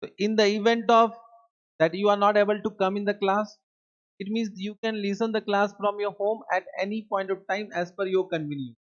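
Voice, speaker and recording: In a dull lo-fi recording of a classroom lecture, a Hindi-speaking teacher with an Indian English accent talks fairly quickly in a steady, high-pitched voice. He keeps checking in with his students and going back over his main points.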